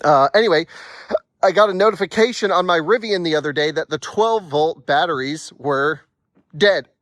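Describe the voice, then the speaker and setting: A man's voice: a little high, normal speed, fairly bright tone, no room sound, studio quality. A man hosting a casual explainer vlog, chatty and restarting words, talking through the hiccups. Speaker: channel host.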